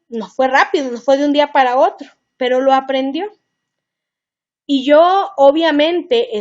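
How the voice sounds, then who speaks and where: In a parenting seminar, a middle-aged woman teaches in a high voice, earnest and chatty, speaking straight to the listener. The audio is dull and low-fidelity.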